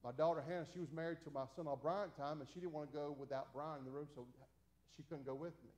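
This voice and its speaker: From a small church's pulpit, a pastor in his forties delivers a Bible study in a rapid-fire, steady tone. His voice sits on the high side with a darkish color, and he's folksy and repetitive, stammering into restarts and saying "amen" often.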